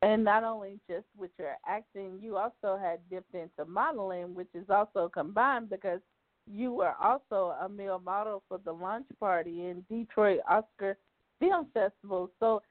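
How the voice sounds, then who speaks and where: A woman hosting a talk show, asking questions with enthusiastic praise and quick laughs. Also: medium pitch, no room sound. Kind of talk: casual interview. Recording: tinny phone line, dry.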